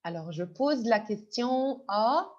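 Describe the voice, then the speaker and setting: A woman teaches an online French class, patiently repeating herself, explaining words and often slipping into English. Her voice is on the high side and slow, with lively intonation and a darkish tone, captured in dull lo-fi sound.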